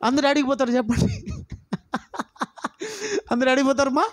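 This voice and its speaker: A man's voice: extremely high pitch, normal speed. A man preaching a sermon as a pastor, passionate and full of rhetorical questions put straight to the listeners. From Andhra Pradesh, India. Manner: impassioned, rhetorical questions, addresses listeners directly.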